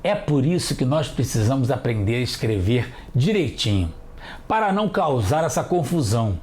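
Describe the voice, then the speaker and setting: A teacher, giving a children's TV lesson and spelling out sounds slowly and carefully. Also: medium pitch, sing-song, a little mellow, faint music behind.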